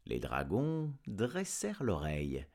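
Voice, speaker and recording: A man narrating a storybook aloud in an expressive, dramatic reading. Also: on the low side, takes it slowly, creaky. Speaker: audiobook reader.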